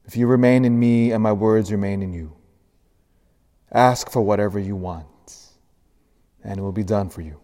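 A priest reading the gospel and preaching earnestly in a cathedral echo, building emphasis through lists. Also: male voice, on the low side, moderate pace, pauses often, warm tone. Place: large church. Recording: long reverb of a large church.

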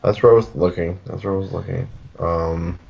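A man's voice: low voice, steady tone, fairly quick, vocal fry, a little mellow, slightly rough. A man from Michigan's Upper Peninsula, laid-back and laughing often as a podcast co-host. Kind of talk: casual chat, quiz guessing. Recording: dull lo-fi podcast audio.

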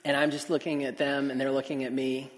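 A man's voice: medium pitch, brisk. Self-mocking man telling a sermon story. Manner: animated, self-mocking anecdote. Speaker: speaker. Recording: long hall reverb.

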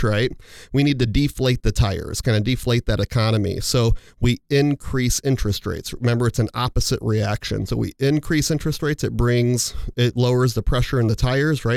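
A man's voice: mid-range voice, creaky, a little mellow, dry recording, clean studio sound. Rambling man hosting a money talk show. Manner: rambling, explains with analogies, many fillers and restarts. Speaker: financial advisor and show host. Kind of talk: casual radio talk show chat.

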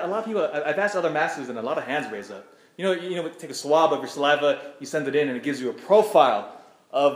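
An American priest with a voice on the high side reads the Gospel and gives a conversational homily, addressing the congregation directly, asking them questions and repeating phrases. The church sound is echoey.

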